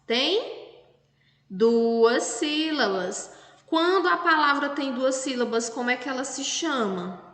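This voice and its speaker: A Brazilian Portuguese woman teaching young children a lesson, talking slowly and patiently and spelling words out syllable by syllable. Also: high-pitched, lively intonation, a bit bright. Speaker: primary school teacher. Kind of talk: recorded remote class lesson. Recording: echoey room with long reverb.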